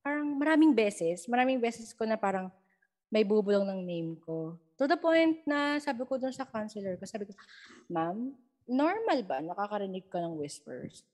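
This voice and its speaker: A young Filipina guest storyteller with a medium-pitched voice, speaking at normal speed, casually recounts her own paranormal experiences. She mixes English into her Tagalog and brings the story to life by acting out quoted dialogue.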